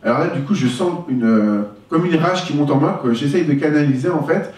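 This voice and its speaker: A man's voice: on the high side, brisk, a little mellow. A man giving a candid, reflective talk about his own life, telling it as a personal testimony. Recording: echoey room, voice from far off.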